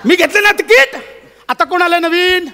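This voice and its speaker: A man performing a stage comedy sketch, blustering and shouting at the others. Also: very high voice, moderate pace. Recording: stage show with loud music and audience laughter.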